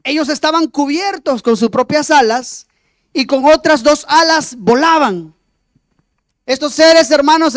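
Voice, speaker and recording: Male lay preacher, emphatic sermon delivery, high voice, dry close sound. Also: no room sound. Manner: emphatic, frequent direct address to the congregation; rhetorical repetition of words.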